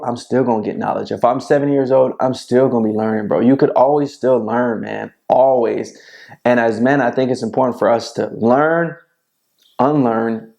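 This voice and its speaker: A man in his thirties delivers a direct-to-camera motivational talk, speaking into a lapel mic in a small room. His voice sits at a medium pitch with a gravelly, fry-laced edge. He talks in a preachy, repetitive way, often tossing in "bro". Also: a little mellow. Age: 30s. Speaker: men's self-help video host. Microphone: lapel mic clipped to shirt.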